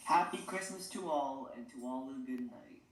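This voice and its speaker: A man's voice: medium pitch, normal speed, faint music behind. A man performs a poem as part of a reading group. He calls out his lines in a theatrical way. The room around him is noticeably echoey. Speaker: reader in a readers theatre group.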